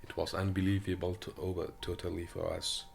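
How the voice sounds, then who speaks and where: A man from Afghanistan, speaking halting with many hesitations as he gives personal testimony in an interview, recorded in an apartment. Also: sits low, little pitch movement, creaky, faint music behind. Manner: halting non-native English with frequent hesitations.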